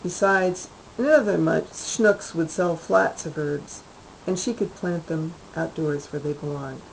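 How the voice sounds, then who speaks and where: A woman, the author, reading her own literary short story aloud in a measured, even way. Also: deep voice, vocal fry, slight background noise, low-quality recording.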